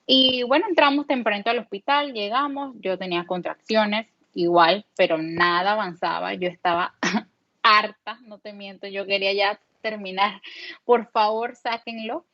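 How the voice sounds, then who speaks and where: A woman's voice: mid-range voice, steady tone, normal speed, no echo. A young woman from Panama with a Panamanian Spanish accent, a podcast guest candidly retelling a personal story with many fillers. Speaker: guest mother. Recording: dull, dry lo-fi audio.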